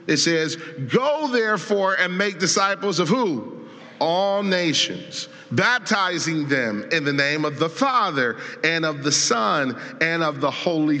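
Male pastor, sermon, forceful bright tone, slightly high voice, rises to impassioned shouts, long church reverb. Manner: builds to loud, impassioned preaching with calls to the congregation. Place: church sanctuary.

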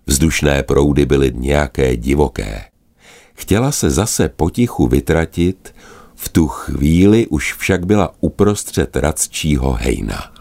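Hluboký chraptivý vypravěč pohádky. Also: male voice, rumbling low, very animated, creaky, a little mellow. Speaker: storyteller. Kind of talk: children's story narration.

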